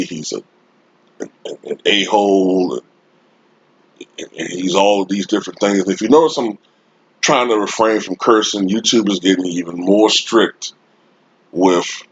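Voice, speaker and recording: Like an informal sports commentator talking to his online viewers, a man with a deep, husky voice rants slowly and emphatically, drawing out his opinionated points and tossing in frequent rhetorical tags. He's recorded close on a Blue Snowball-type desktop USB microphone, with dry, somewhat dull sound and no echo.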